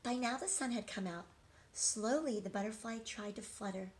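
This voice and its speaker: On a living room couch at home, a middle-aged woman teacher reads a picture book aloud to young children. She reads expressively, asking her listeners questions, in a fairly high voice at normal speed.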